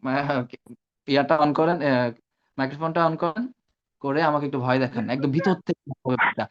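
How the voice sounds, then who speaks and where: A man teaching Arabic pronunciation in an online class, drilling sounds slowly and correcting students by name. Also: fairly high pitch, highs cut off. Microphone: video call.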